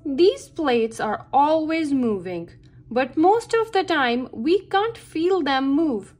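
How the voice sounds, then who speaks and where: A high-voiced woman reads a children's picture book aloud, slowly but with liveliness. Music plays in the background under her voice.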